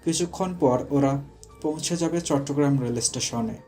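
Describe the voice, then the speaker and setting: A man narrating a romantic audio story in a steady storytelling manner. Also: mid-range voice, moderate pace, faint music behind.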